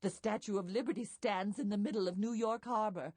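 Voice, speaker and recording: A woman voicing an instructive guide character in an educational game, explaining things in a measured, scripted way. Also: medium pitch, fairly even intonation, a little mellow, slightly rough, no room sound, natural voice.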